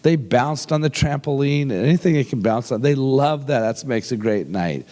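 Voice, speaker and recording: An older male pastor with a cold delivers a sermon in a deep, rough, slightly mellow voice with lively intonation. He's folksy and humorous, slowing way down when reading scripture, and his words echo through a church sanctuary with a long reverb.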